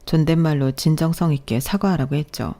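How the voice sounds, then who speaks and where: A woman narrating a first-person story in a calm, plain scripted reading. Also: deep voice, brisk.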